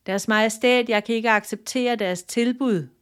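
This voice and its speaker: Storybook deer king, male, noble, calm, earnest, read by a woman. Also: on the high side, smooth, close to an everyday voice. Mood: solemn. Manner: solemn, steady and earnest.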